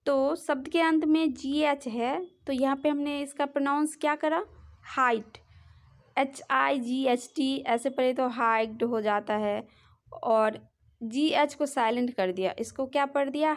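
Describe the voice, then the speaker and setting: A woman with a Hindi accent teaching English pronunciation, often spelling words out letter by letter and checking in with listeners. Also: sits high. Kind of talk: casual explanatory lesson.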